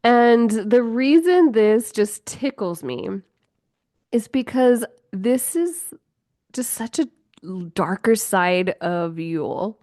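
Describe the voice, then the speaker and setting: A woman's voice: on the high side, animated, slow pace, dark tone, no echo, studio quality. A woman hosting a podcast on her own, talking casually with lots of fillers, swearing and laughing often. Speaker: podcast host. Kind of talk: casual solo podcast chat.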